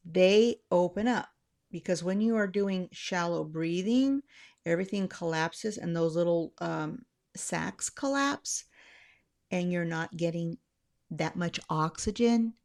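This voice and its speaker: A middle-aged woman runs a channel where she shares tips for anxiety, her medium-pitched voice a little mellow. She explains things casually and conversationally, rambling a bit and correcting herself along the way, in a chatty manner.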